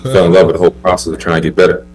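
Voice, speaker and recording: Born in Haiti and raised in the US, this man in his thirties appears as a basketball player guest in a casual interview chat. His voice sits low and comes out rapid-fire. He is relaxed and laid-back, rambling along with many fillers.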